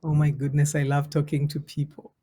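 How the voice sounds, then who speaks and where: A woman in her forties who grew up in Uganda tells her story as a guest on an interview show. She talks in an earnest, thoughtful way and slows down on key words to stress them. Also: deep voice, completely flat delivery, warm tone, slightly rough. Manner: earnest, reflective, drawn-out emphasis. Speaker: guest, parenting coach.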